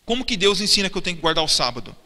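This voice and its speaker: A man's voice: sits high, big pitch swings, racing, bright, forceful tone. A man preaching a sermon in church, asking the congregation questions and answering them himself. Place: church hall. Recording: church sermon with long reverb and faint music.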